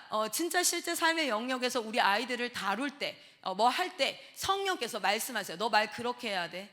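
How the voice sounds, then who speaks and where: A woman missionary preaches with a high, bright, ringing voice. She tells her stories vividly and acts out each line of dialogue. The sound carries a long reverb from a large hall. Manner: lively storytelling that acts out dialogue. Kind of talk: sermon.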